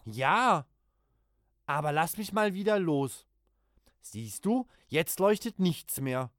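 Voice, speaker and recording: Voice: medium pitch, expressive, slow pace, a bit bright, no echo, studio quality. A performer playing a young child, teasing yet caring and curious, in a children's audio drama.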